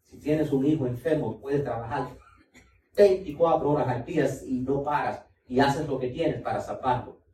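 A man's voice: medium pitch, moderate pace, mellow, roomy sound, distant mic, low-quality recording. A male pastor preaching a sermon, emphatic, repeating key points and talking straight to the congregation.

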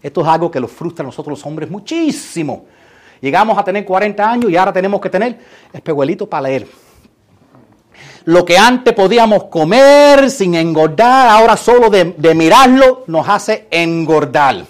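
A middle-aged man, preaching a lively sermon and acting out quotes, sometimes shouting. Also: high voice, unhurried. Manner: animated, acts out quotes and shouts for emphasis. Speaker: pastor.

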